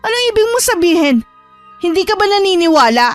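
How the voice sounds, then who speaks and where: A woman's voice: high-pitched, normal speed, soft background music, pitched above the performer's own voice, lightly acted. A woman voicing a bitter, scheming woman who talks sharply and rudely in a horror radio drama. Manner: sharp, rude, defensive.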